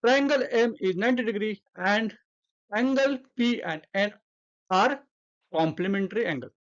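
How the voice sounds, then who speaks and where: An Indian-accented woman teaches a math class and walks through each step with patient repetition. Her delivery is extremely slow and deliberate. The recording sounds muffled and lo-fi. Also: mid-range voice, animated. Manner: explains slowly step by step, repeats terms, mixes English and Hindi.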